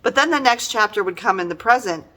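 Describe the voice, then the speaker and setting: A middle-aged woman talks casually through a book review at a fast clip, her medium-pitched voice animated, exasperated and emphatic.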